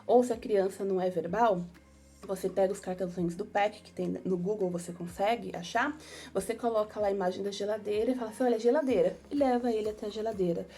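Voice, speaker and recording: A Brazilian-accented woman speaks to parents in a relaxed, chatty educational tone, checking in with little tag questions as she goes. Her voice is warm and mellow, with faint music playing softly behind her. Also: mid-range voice, fast. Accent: Brazilian Portuguese. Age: adult mother of young children. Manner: conversational, with frequent tag questions. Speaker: neuropsychopedagogue giving parenting advice. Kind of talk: informal educational talk to parents.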